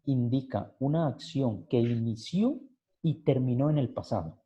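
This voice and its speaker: A man's voice: medium pitch, lively intonation, a little slow, warm tone, husky. A man teaching English grammar in an online class, patiently explaining step by step. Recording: muffled lo-fi video call audio.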